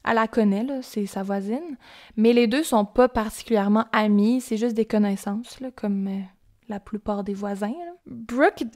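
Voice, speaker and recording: A woman's voice: medium pitch, normal speed, a little mellow. A young woman with a Québécois accent casually telling a true-crime story on a podcast, chatty and informal with asides. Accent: Québécois French.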